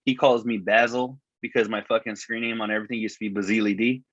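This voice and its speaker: A man's voice: fairly low pitch, little pitch movement, fast talker, fairly bright tone, no echo. A man chatting loosely as a podcast co-host, his voice thin and tinny through a wireless earbud mic. The lo-fi sound has a dull top end, and the room is dry and close. He rambles along, piling up swear words and fillers. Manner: rambling, heavy cursing and fillers. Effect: tinny sound from earbud microphone. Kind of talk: casual chat. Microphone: wireless earbuds as microphone.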